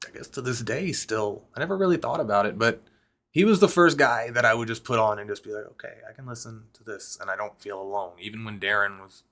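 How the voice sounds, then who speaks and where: A young rapper and vlogger with a lowish voice talks fast in a bright, forceful tone. He tells a personal story casually and profanely, rambling and constantly cutting himself off.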